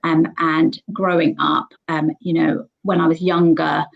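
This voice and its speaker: A woman's voice: low voice, little pitch movement, unhurried, gravelly, highs cut off. A woman in her forties hosting a live online panel, chatty and upbeat, with frequent ums, recorded on a computer mic at home. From Sri Lanka, raised in England. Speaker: host.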